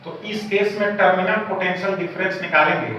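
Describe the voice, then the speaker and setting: A man's voice: high voice, steady tone, brisk, bright, forceful tone. A man teaching a physics lesson, explaining each step and often checking with the class. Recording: echoey room, distant mic, dull sound, faint hiss.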